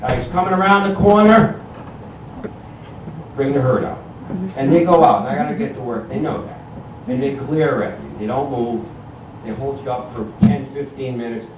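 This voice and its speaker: A middle-aged man doing live stand-up storytelling in a conversational, halting, exasperated and self-deprecating way. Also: mid-range voice. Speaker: stand-up comedian. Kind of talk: live comic storytelling to an audience. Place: live room with an audience. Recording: echoey room, distant mic, clear background noise.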